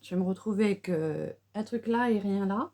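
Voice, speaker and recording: A woman's voice: medium pitch, fairly quick, mellow. A middle-aged woman chatting through a casual makeup tutorial, with many fillers and restarts. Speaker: beauty vlogger.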